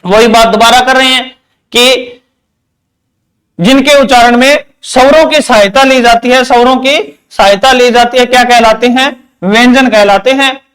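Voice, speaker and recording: Guy teaching grammar, really high voice, keeps asking and answering his own questions. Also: moderate pace, fairly bright tone. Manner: repetitive question-and-answer drilling. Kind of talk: exam-prep lecture.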